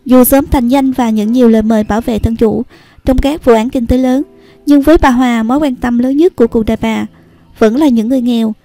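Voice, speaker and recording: A woman narrating a scripted news report in a steady, even read. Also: fairly high pitch, fairly quick, faint music behind. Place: voice-over recorded apart from the pictured places.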